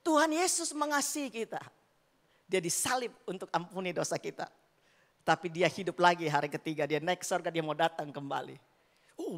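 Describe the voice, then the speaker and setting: A middle-aged woman preaching a sermon with personal stories, telling them in a lively way and often calling out to the congregation. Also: fairly low pitch. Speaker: evangelist preacher. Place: church sanctuary. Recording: long reverb of a church hall.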